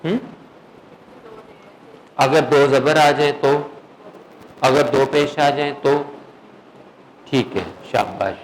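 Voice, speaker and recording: A man teaching Quran recitation in a classroom lesson, patiently asking his students whether they follow and slowly drawing out words to demonstrate. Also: on the high side, slight background noise, rough recording. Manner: patient, checks understanding with frequent questions.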